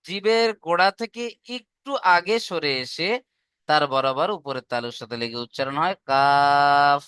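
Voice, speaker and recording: Teaching Quran recitation in an online class, this man speaks at a moderate pace in a bright, forceful, smooth voice that sits a little high and swings widely in pitch. He patiently repeats points and keeps checking that his students understand. The recording is dry and studio-clean.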